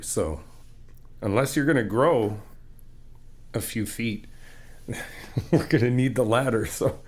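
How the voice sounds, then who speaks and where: A man uses his mid-range voice for an ASMR roleplay as the listener's friend. He laughs often, keeps a playful, encouraging tone, and calmly takes the listener through explanations step by step.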